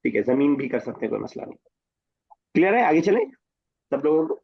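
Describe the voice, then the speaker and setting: Husky man teaching Arabic online. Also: mid-range voice, sing-song, no room sound. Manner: explains word by word, checks understanding often. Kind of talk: online Quran Arabic lesson. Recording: dull dry online-call audio.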